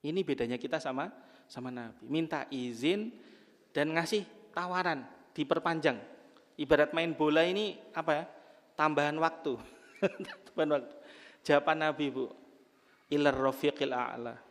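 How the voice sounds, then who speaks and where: A man's voice: on the high side, moderate pace, pauses often, a bit bright, big-room sound. A man preaching to a women's study group in a mosque, telling stories with humor and asking the audience questions. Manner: humorous storytelling, jokes with audience.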